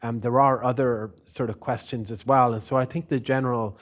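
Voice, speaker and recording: A man giving thoughtful, halting answers as a guest speaker at a forum, often restarting his sentences. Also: medium pitch, steady tone. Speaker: guest speaker, policy analyst. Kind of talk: unscripted answers at a forum discussion.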